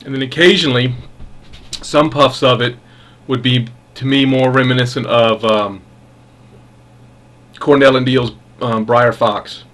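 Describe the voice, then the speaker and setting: A man giving a casual product review as a pipe tobacco reviewer, musing in an unhurried, halting way with savoring enthusiasm. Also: mid-range voice, fairly even intonation, a bit bright.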